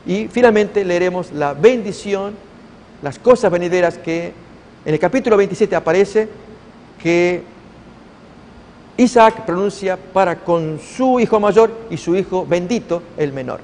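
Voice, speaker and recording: Animated male preacher in a reverberant hall. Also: high-pitched, unhurried, slight background noise. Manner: animated storytelling, acting out the characters' lines. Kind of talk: sermon.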